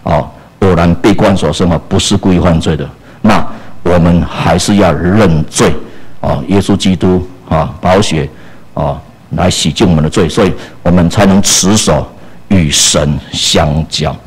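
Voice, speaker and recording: A man preaching a sermon, animated and full of small fillers. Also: low-pitched, measured pace, husky, poor audio.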